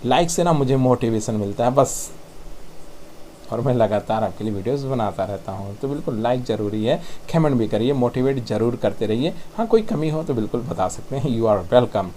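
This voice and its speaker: A man, patiently explaining English sounds on slides and repeating them slowly. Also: mid-range voice, animated, dark tone, a little hiss or hum. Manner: patient, repeats sounds slowly, says "thik hai" often. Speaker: English pronunciation teacher. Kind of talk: tutorial explanation.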